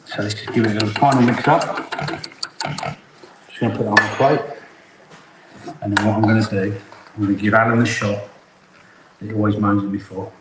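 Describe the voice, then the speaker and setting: A man's voice: fairly low pitch, steady tone, fairly quick, pauses often, heavy reverb, noisy background. A man, a head chef, chatting his way through a live cooking demonstration as he plates up food in a kitchen. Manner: chatty, talks while plating food. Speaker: head chef hosting a cookalong.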